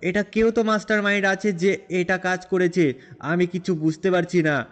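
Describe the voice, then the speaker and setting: A man's voice: high voice, steady tone, brisk, close to an everyday voice. A man role-playing a boastful young game hero, talking in a rambling, chatty way. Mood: worried. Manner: rambling, chatty, repeats fillers. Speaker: gameplay narrator and role-player. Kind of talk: game role-play narration.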